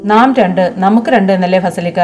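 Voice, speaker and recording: A woman voicing a gentle young mother. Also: mid-range voice, fairly quick, natural voice. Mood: playful. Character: young widowed mother, gentle but quick-tongued.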